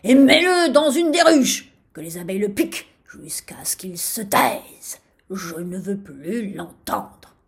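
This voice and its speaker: Pompous sultan, shouts orders, storybook; a woman voices it; slow, animated. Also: medium pitch, vocal fry, breathy edge, exaggerated voice. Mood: furious. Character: furious pompous sultan, loud and bossy. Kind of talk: storybook reading.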